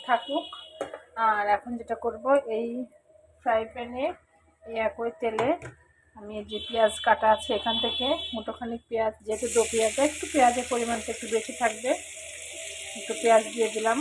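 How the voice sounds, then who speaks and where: A woman with a hoarse voice, casually talking viewers through her cooking step by step as host of a cooking channel. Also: a little high, flat delivery, fairly quick, long pauses. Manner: talks viewers through each step, mixing in English words. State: hoarse, throat trouble. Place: home kitchen. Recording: sizzling pan noise behind.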